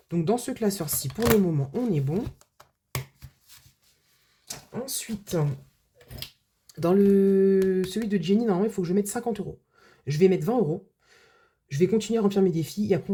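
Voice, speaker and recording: A woman with a low, husky voice talks casually to her viewers. Her tone is mellow and dark, and her speech is loose and chatty, full of fillers and restarts. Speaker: budget vlogger. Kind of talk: casual vlog chat.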